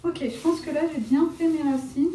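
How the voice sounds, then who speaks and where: In a casual home vlog, a young woman dyes her hair and talks in a high, mellow voice at a moderate pace, heard from far away with slight background noise and a roomy feel. She meanders, fixes her own phrasing, uses plenty of "genre" and "euh," and says she is reserved and shy.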